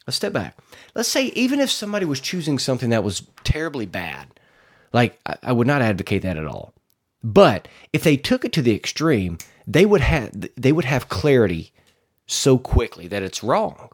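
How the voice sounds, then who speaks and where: A man's voice: mid-range voice, wildly swooping pitch, moderate pace. A man hosts his podcast in a loose, motivational monologue. His voice rises and falls a lot as he talks, and he stumbles over and repeats his words in a folksy, rambling way. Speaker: podcast host.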